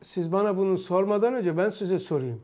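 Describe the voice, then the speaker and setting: A cold, bitter young man who has forgotten how to smile, as a teacher quotes him. He questions others gravely and with reproach. The voice sits fairly high. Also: animated, fairly quick, mellow.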